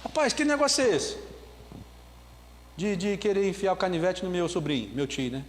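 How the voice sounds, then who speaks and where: A man preaching a sermon as pastor, telling a story in an animated way with bits of laughter. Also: high voice, big-room sound, slight background noise. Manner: ends with a slow spoken prayer.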